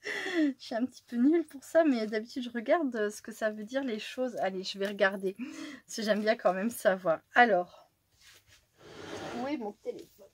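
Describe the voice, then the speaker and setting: A chatty French woman with a slightly high voice unpacks her mail, easily delighted and quick to laugh. She now and then drops to a soft whisper. The recording is close and dry, with no room sound. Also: breathy edge, no echo. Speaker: crafting channel host. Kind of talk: casual chat while opening mail.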